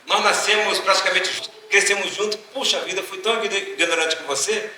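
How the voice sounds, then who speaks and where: A man's voice: sits high, fairly even intonation, fairly quick, bright, forceful tone, a little hiss or hum, pitched above the performer's own voice. A pastor voicing a distraught grown man in a story, speaking in a raised, pleading voice. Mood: apologetic. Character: distraught grown man confessing anger to neighbor. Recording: echoey hall from far off.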